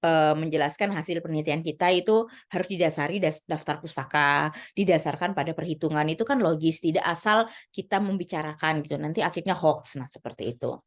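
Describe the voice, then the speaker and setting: A woman's voice: low-pitched, fairly quick. A woman giving a casual spoken lesson on presenting, chatty, with many fillers and restarts. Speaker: lecturer giving presentation tips.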